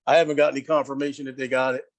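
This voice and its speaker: A man's voice: mid-range voice, level tone, racing. A man calling in on a video call, asking questions in a rambling, frustrated way with many restarts. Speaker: caller.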